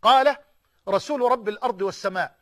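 Fervent high-pitched Egyptian preacher. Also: male voice, quick pace. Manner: fervent, repeats phrases for emphasis, shifts into colloquial asides. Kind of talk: sermon.

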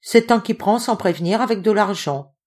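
A woman reading an audiobook voices a sullen, proud male ape-man who mutters his grievances in a rapid grumble. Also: medium pitch, a little mellow, voice pushed up, close to an everyday voice. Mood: solemn.

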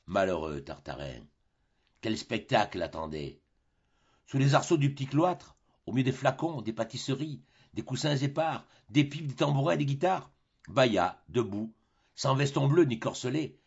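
Gravelly, expressive male audiobook reader. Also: medium pitch, highs cut off. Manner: expressive storytelling. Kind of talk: audiobook narration.

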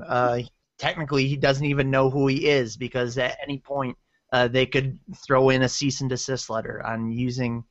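A man's voice: medium pitch, fairly bright tone, dry recording, highs cut off. A man co-hosting a podcast, offering his take on a TV episode with hesitant, filler-heavy phrasing. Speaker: podcast co-host. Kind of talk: casual TV episode discussion.

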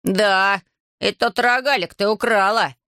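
A woman's voice: mid-range voice, a little slow, bright, forceful tone, no room sound, clean studio sound. A woman voicing a rude, sulky teenage stepbrother with a whiny tone, read for an audiobook.

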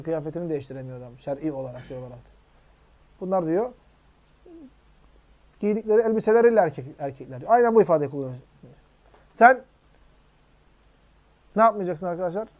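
Guy with a high voice explaining hadith, keeps asking the class questions, muffled sound. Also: darkish tone. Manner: asks the audience rhetorical questions. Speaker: religious teacher. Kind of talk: hadith commentary lesson. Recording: dull lo-fi recording.

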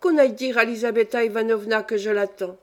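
A fussy, imperious old countess, as a woman reader puts her on, scolding her companion in a peevish, commanding tone. The voice sits fairly high and snaps out short orders. It comes from an audiobook reading. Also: steady tone, quick pace, natural voice.

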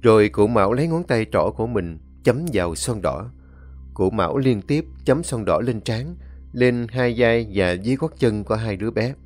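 A man narrating a scripted story in a measured, even way. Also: mid-range voice.

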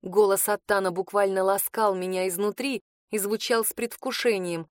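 A woman narrating a first-person novel as an audiobook, lively and expressive. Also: medium pitch, moderate pace, dry recording, clean studio sound.

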